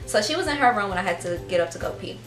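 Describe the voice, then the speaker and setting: A woman's voice: medium pitch, expressive, racing. Young woman, casual storytelling, filler-heavy, roomy echo, faint background music. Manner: chatty, lots of fillers like "like" and "um". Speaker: vlogger.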